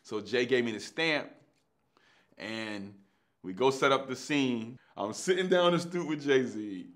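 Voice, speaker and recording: A middle-aged man, an actor telling his own story in a lively way. He acts out the dialogue in street slang and swings between hushed and loud delivery. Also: mid-range voice, measured pace. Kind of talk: animated anecdotal storytelling.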